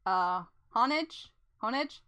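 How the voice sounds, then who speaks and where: A woman's voice: fairly high pitch, lively intonation, slow pace, bright, forceful tone. A young woman hosting a casual gaming chat, swearing, laughing and mimicking game sounds with her voice. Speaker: streamer host.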